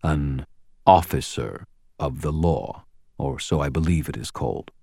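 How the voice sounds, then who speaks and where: A man voicing a huge horned fae creature who rumbles in stiff, archaic formal speech. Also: unhurried, vocal fry, warm tone, no echo, clean studio sound, heavily acted.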